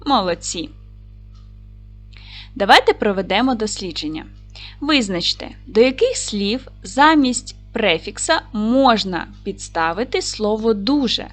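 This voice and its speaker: A woman teaching an online lesson to young children, speaking clearly and stretching out words as she spells them. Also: medium pitch, animated, measured pace, soft background music. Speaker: primary school teacher.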